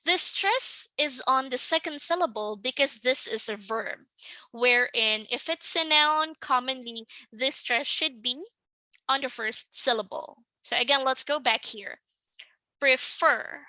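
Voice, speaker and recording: A woman teaching English pronunciation in a slow, patient lesson, often checking in with the listener. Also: high-pitched, sharp tone, dry recording, low-quality recording. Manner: patient, checks in with "right?" and "okay?".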